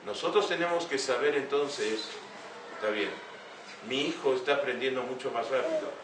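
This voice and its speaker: A man's voice: medium pitch, moderate pace, background noise. An older man giving an earnest talk to a young audience, often asking rhetorical questions. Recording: echoey room heard from a distance.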